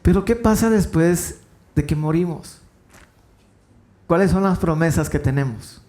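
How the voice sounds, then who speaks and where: A fairly high-pitched man, preaching to his congregation. He tells the story with animated swings, dropping low and rising high as he acts out the voices in it. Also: unhurried. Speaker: pastor. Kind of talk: sermon.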